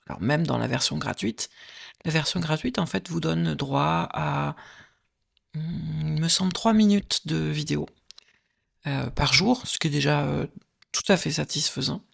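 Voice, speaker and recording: A woman narrating a screen-recorded software tutorial, explaining step by step with frequent hesitant filler pauses. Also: deep voice, gravelly, slightly rough.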